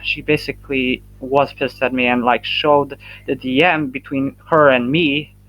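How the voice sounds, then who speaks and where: Slow, stuttering man on a dull mic. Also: mid-range voice, flat delivery. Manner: stuttering, sighing, struggles to explain. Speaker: guest. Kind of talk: casual voice call.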